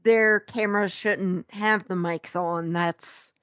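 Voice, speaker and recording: A woman's voice: medium pitch, steady tone, slow, fairly bright tone, smooth, no room sound. A woman co-hosting a podcast in casual chat, emphatic and exasperated. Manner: agreeing often, exasperated, emphatic. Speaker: podcast co-host. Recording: dry, dull lo-fi sound.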